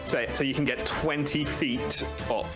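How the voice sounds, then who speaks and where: A man narrating as game master of a tabletop game, brisk and matter-of-fact. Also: mid-range voice, fairly even intonation, over loud music.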